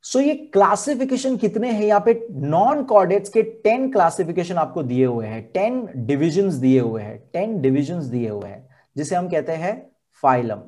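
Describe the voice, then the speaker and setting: A man with an Indian accent teaching a board exam science lesson, slowly repeating key terms and their spellings. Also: a little high, expressive, darkish tone.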